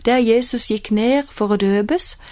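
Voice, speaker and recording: A woman teaches from the Bible in a calm, explaining way. Her voice is fairly high, and the recording is close and dry. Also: no room sound.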